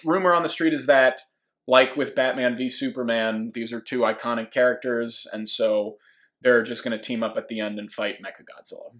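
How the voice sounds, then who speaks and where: A man's voice: medium pitch, steady tone, normal speed, fairly bright tone. Male podcast co-host, casual movie chat, upbeat, laughs a lot, filler-heavy delivery. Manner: enthusiastic, laughs often, frequent fillers.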